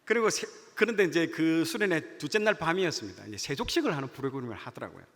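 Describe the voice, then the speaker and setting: A man, a junior pastor, preaching a sermon and telling a personal story in an animated way, acting out the dialogue. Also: on the high side, quick pace. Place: church sanctuary. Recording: church hall reverb.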